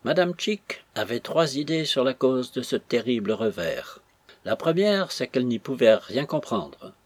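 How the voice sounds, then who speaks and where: A man reading a classic novel aloud in a steady, measured way, with a husky voice. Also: mid-range voice, no echo. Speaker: audiobook reader. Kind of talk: scripted narration of a classic novel.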